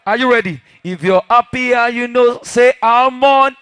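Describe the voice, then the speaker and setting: This Nigerian-accented hype man has a very high, smooth voice and talks at a normal speed, with no echo. On the mic at a live lounge event, he works the crowd in a hyped, shouted promo style built on short chanted call-outs.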